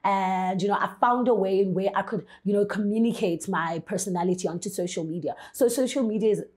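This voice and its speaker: A woman's voice: medium pitch, a little fast. A young woman from the Eastern Cape of South Africa, a guest influencer talking casually, full of "you know" and "like". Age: young adult. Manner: casual, relaxed, lots of fillers like "you know". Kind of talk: studio interview. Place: bright studio set.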